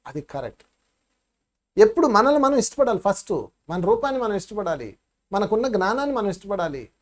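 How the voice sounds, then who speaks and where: Animated fifty-something meditation teacher. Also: male voice, high voice, brisk. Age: 50s. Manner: animated storytelling with sharp swings in loudness. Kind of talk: spiritual talk.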